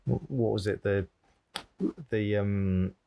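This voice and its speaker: A man's voice: lowish voice, steady tone, slow pace, creaky, highs cut off. A man hosting a comedy podcast, chatting casually and telling rambling, self-deprecating stories. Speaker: podcast host. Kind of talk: casual interview chat.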